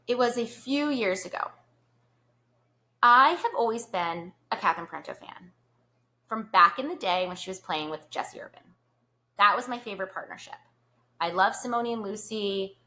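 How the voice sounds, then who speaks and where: A woman hosts a podcast in casual gossip-chat style, spinning stories with plenty of "like" fillers. Her voice is bright and forward, at an ordinary middle pitch for a woman. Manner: chatty, gossipy storyteller with many "like" fillers. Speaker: podcast host.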